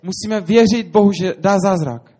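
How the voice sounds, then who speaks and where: A man's voice: high-pitched, a little mellow, slightly rough. A man interpreting a sermon into Czech phrase by phrase, earnest and keeping pace with the preacher.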